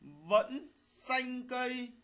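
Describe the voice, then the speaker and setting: A man teaching primary school, dictating a spelling lesson slowly, phrase by phrase. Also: very high-pitched, animated, a bit bright. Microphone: voice-over recorded for a slide video.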